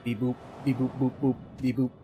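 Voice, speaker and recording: A streamer imitating a robot with playful beep-boop sounds, over game music. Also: male voice, medium pitch, little pitch movement, a little fast, phone-quality sound, voice pushed down, lightly acted. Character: beeping male robot, mock machine chatter. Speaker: streamer playing a video game.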